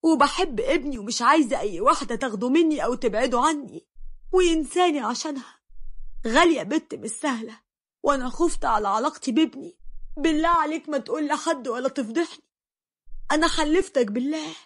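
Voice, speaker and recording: A woman with an Egyptian accent voicing a scheming, spiteful middle-aged mother-in-law who talks slowly and bitterly. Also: sits high, lively intonation, a bit bright. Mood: pleading. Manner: slow, bitter and resentful.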